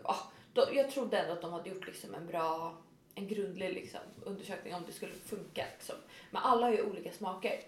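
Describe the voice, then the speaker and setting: A woman's voice: lowish voice, roomy sound, slight background noise. A woman in casual chat, telling a story animatedly and acting out what people said. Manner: animated storyteller, acts out quotes.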